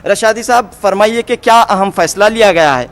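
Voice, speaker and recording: A man's voice: high voice, fairly bright tone. A man, a news field reporter, speaking formally with some hesitation fillers, outdoors by a street.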